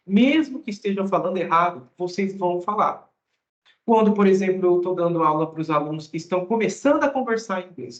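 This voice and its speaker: Higher-voiced male teacher in an echoey room. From Mato Grosso, Brazil. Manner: conversational, often ends phrases with a questioning tag. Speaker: English teacher. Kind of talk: casual explanatory talk to students. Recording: echoey room, dull lo-fi sound.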